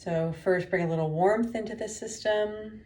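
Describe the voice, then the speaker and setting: A female teacher with a medium-pitched voice walks listeners through a guided meditation, pausing often as she gives gentle, unhurried instructions.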